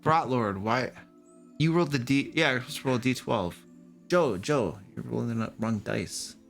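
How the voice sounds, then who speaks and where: A man's voice: medium pitch, moderate pace, vocal fry, fairly bright tone, faint music behind. A man running a tabletop game as game master, teasing his players and laughing often. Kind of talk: casual tabletop game chat.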